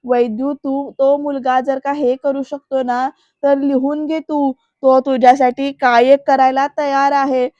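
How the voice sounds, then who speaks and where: Woman playing a teasing young girlfriend, brisk and emphatic, high voice, dry dull sound. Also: little pitch movement, a little mellow, dry recording.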